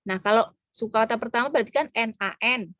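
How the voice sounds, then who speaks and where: A woman's voice: fairly high pitch, quick pace, a bit bright, dry recording, highs cut off. A woman teaching French pronunciation in an online lesson, patiently breaking words into syllables.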